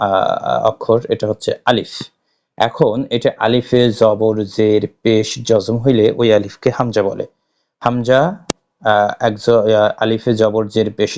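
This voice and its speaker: A man teaching Quran recitation, spelling out letters with slow, drawn-out, emphatic syllables and patient repetition. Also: medium pitch, a little mellow. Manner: patient, repetitive explaining with frequent pauses. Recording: slightly dull lo-fi audio.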